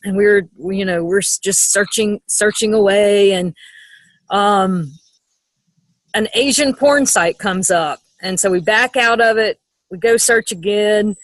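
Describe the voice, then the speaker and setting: A woman's voice: medium pitch, measured pace, no echo, low-quality recording. A middle-aged woman speaking as a sex educator in an interview, frank and matter-of-fact, with frequent ums. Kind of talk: interview conversation.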